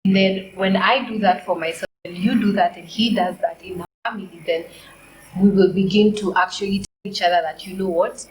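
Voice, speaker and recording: A Kenyan woman sharing her view on a church panel discussion. Her voice sits at an ordinary, middle pitch. She talks things through reflectively and poses searching questions. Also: steady tone, a little fast, slight background noise, rough recording.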